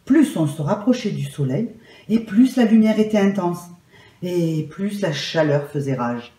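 A woman telling a children's story aloud in a calm, measured and soft way. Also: lowish voice. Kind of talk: gentle read-aloud storytelling. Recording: roomy echo.

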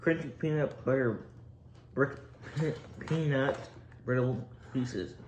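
Low-key son reading cookie blurbs. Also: male voice, slow, a little mellow. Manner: brief and low-key, stumbles reading descriptions. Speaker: son co-hosting a cookie review. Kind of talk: casual chat. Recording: echoey room, faint noise.

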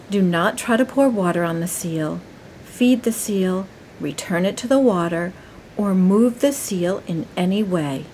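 A woman narrating a nature documentary in a calm, measured and gentle way. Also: medium pitch, a little hiss or hum, rough recording.

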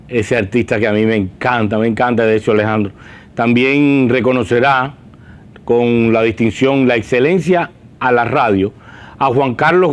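A middle-aged man hosting a studio talk show, chatty and given to repeating and restarting his phrases. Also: medium pitch. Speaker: host. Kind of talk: news talk show interview. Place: large TV newsroom studio.

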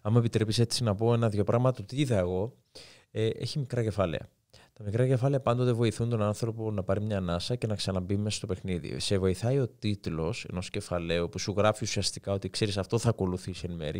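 Cypriot greek guy hosting a podcast, lowish voice, friendly and encouraging. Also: darkish tone. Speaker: podcast host. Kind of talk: casual interview chat.

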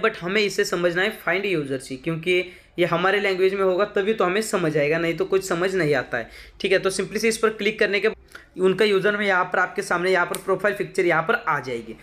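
A man's voice: high voice, a bit bright. A man narrates a screen-recorded how-to. He talks in a chatty, repetitive way, spelling out each tap and click one step at a time. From India. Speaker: tech tutorial youtuber.

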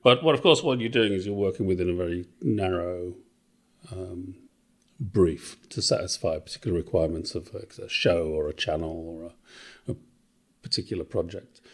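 A middle-aged Welsh man talking as a podcast guest. His voice sits fairly low, and he speaks hesitantly, pausing on fillers and restarting his sentences as he works out what to say. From Wales. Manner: hesitant, thinks aloud with many fillers and restarts. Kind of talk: casual interview chat.

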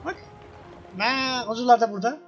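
A man's voice: extremely high pitch, normal speed, highs cut off, soft background music. A man giving casual, joking let's-play commentary, exclaiming and talking back to the game. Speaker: gameplay streamer.

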